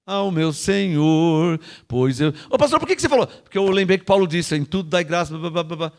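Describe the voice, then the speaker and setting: High, lively Brazilian preacher man. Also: racing. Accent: Brazilian Portuguese. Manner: emphatic, calls on the congregation for responses. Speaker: pastor. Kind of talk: sermon.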